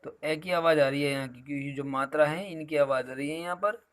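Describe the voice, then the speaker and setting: Male teacher, slightly high voice. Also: a little fast, fairly bright tone. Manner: explains patiently, calls students "beta" often. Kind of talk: grammar lesson.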